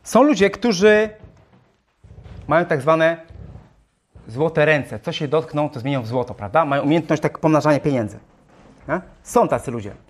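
A man's voice: a little high, expressive, moderate pace, pauses often. A man preaching a sermon, firing rhetorical questions at his congregation. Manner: self-described talker.

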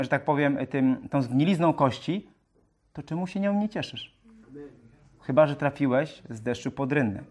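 A man preaching a sermon in a lively way, reading scripture aloud in a raised voice and joking with rhetorical questions. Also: on the high side. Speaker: pastor.

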